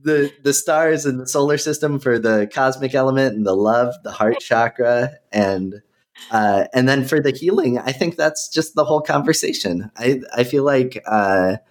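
A man hosting a podcast over a video call, talking in a relaxed, hesitant way with many fillers. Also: mid-range voice, moderate pace. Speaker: podcast host. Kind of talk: casual conversation.

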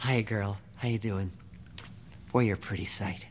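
A man voicing a fifty-six-year-old laid-off tank designer, reckless and gleeful, talking in a rough, swaggering trucker way. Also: on the low side, fairly even intonation, normal speed, slight background noise, pitched below the performer's own voice, close to an everyday voice. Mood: tender. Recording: long reverb.

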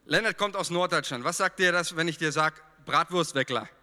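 A man from Franconia with a Franconian German accent preaching a lively sermon, talking straight to his congregation with fillers and humor. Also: high voice, fairly quick, in a large hall.

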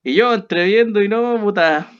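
A man's voice: high voice, moderate pace, clear, resonant tone. A young man with a Chilean accent, a podcast co-host animatedly telling a personal story and acting out the quotes. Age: young adult. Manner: animated, laughs often, acts out quotes. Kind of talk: casual storytelling. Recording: slightly dull lo-fi audio.

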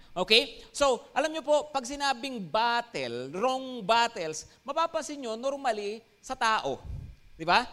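A man with a Filipino accent preaching a sermon as pastor. He switches between Tagalog and English and often checks in with "no?" and "Amen?". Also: high voice. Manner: lively, rising emphasis on key words.

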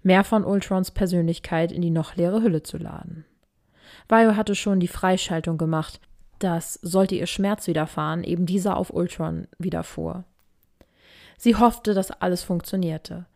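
A woman reads a story aloud with a steady, even delivery. Her voice sits slightly low for a woman. She narrates the action at a calm pace. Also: normal speed, creaky. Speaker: fan fiction reader.

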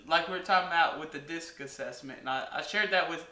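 A man's voice: on the high side, fast talker, pushed and bright, reverberant. A man co-hosting a podcast in casual chat, blunt and slangy, swearing freely. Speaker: podcast co-host.

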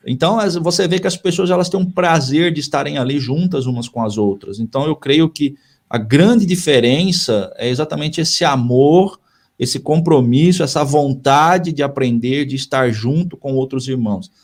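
A man's voice: a little high, moderate pace, darkish tone. A man who is a missionary pastor, talking in a casual podcast conversation, earnest and given to repeating his phrases.

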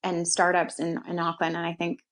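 Brisk and fairly bright, yet low and nearly monotone, this Canadian-accented co-working space founder chats about herself in an interview.

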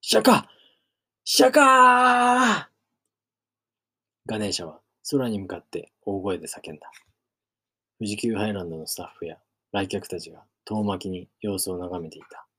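A man reading a novel aloud as narrator, in measured storytelling. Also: sits low, fairly even intonation, slightly rough. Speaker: reader.

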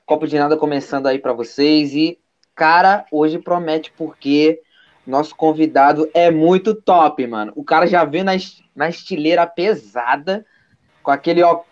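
Brazilian guy hosting a live podcast, slangy chat, voice a bit high, muffled lo-fi sound. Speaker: podcast live stream host. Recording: dull lo-fi sound.

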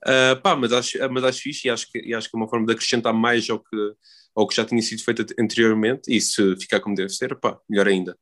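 A man's voice: lowish voice, little pitch movement, fast, fairly bright tone. A man with a European Portuguese accent hosting a casual podcast chat, informal and often circling back over his phrases. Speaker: podcast host.

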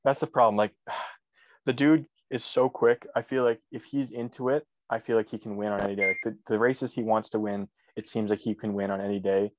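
A man co-hosting a podcast with a fairly low voice, trading sarcastic jokes and casual swearing. The recording is dry and close, with no room sound at all. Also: fairly even intonation, fairly quick, no room sound. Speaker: podcast co-host.

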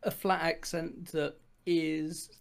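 A man in a casual discussion, relaxed and loose, speaking in short hedged phrases. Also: on the high side, slow, gravelly, clear, resonant tone.

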